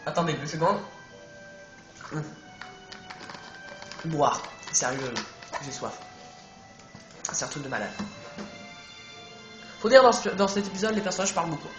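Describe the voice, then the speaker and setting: Chatty high-voiced gamer man. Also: big pitch swings, moderate pace, long pauses. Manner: chatty, rambling, swears casually. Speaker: let's play commentator. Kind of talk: casual gameplay commentary. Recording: echoey room, game music behind.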